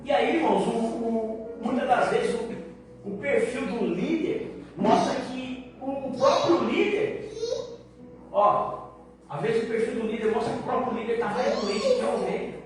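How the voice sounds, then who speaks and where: A man preaching a sermon to his congregation, mixing easy conversational talk with sudden loud, emphatic lines and many rhetorical questions. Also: very high voice, very animated, a little slow. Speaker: pastor. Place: large church hall. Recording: echoey hall, voice far off, background noise.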